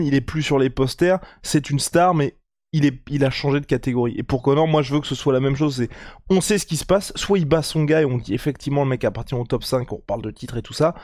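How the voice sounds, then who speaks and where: A man co-hosting a casual sports podcast, talking in an animated, colloquial way and thinking aloud. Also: medium pitch, fairly quick, no echo, clean studio sound. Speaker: podcast co-host. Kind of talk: casual chat about MMA.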